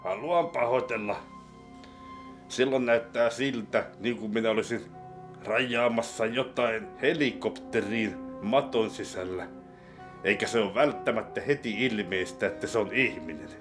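A man voicing a scheming male boss with a gun, talking low, slow and deadpan. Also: over music, close to an everyday voice.

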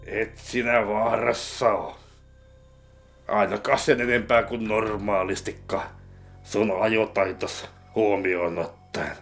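A man voicing a calm, scheming gang boss in a comedy sketch, speaking slowly with flat menace. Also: gravelly, faint music behind. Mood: deadpan. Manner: low, slow, flatly menacing. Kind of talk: comedy sketch role-play.

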